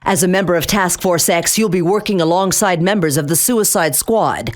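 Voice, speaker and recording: A woman's voice: lowish voice, moderate pace, natural voice. A woman as Amanda Waller, cold commander. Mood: commanding. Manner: cold, clipped, authoritative, threatening. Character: stern, commanding female government agency chief. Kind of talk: video game voice lines.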